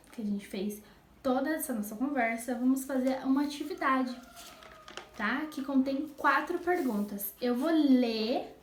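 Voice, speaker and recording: Brazilian female teacher, higher voice affected by swollen tonsils, informal lesson delivery, roomy echo. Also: darkish tone. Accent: Brazilian Portuguese. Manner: explains step by step, checking in with tag questions. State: inflamed sore throat, swollen tonsils. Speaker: science teacher. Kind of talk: informal recorded school lesson. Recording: roomy echo, faint background noise.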